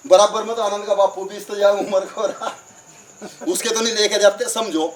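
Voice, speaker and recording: A man, preaching at a satsang as a lively storyteller who acts out the dialogue and asks the crowd questions. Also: high voice, moderate pace. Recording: far from the mic, crickets in the background.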